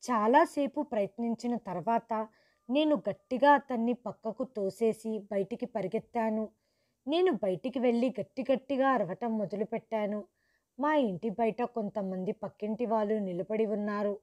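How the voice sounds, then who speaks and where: A woman telling a first-person story in a steady, earnest narrating voice. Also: fairly high pitch, normal speed.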